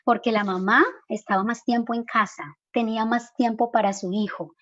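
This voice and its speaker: A woman's voice: fairly high pitch, steady tone, moderate pace, fairly bright tone, muffled recording. A Colombian woman school counselor giving an earnest parenting workshop talk, often checking in with her listeners. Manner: earnest, keeps asking "¿sí?" to check in.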